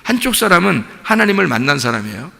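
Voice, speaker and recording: Male pastor, raised gravelly voice, rhetorical questions to the flock, insistent, echoing in a church hall. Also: high-pitched, very animated, fast, sharp tone. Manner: asks the congregation rhetorical questions; builds to emphatic insistence. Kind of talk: sermon. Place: church sanctuary. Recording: long reverb of a church hall.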